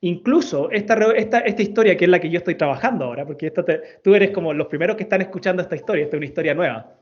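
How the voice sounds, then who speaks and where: A man's voice: high-pitched, racing, a little mellow. Man, thirties, interview guest, storytelling coach, earnest, repeats words for emphasis, dull lo-fi sound.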